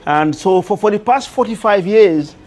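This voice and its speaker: A man's voice: high voice, animated, normal speed, a little mellow. A man in his sixties with a Gambian accent telling his story conversationally as an interview guest, often repeating phrases as he starts. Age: 60s. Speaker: interview guest, construction entrepreneur.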